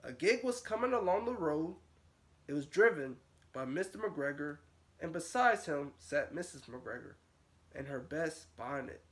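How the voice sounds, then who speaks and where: A man's voice: on the high side, expressive, unhurried, a bit bright. A man reading a storybook aloud to young children as a nursery teacher, with a sing-song delivery that rises and falls.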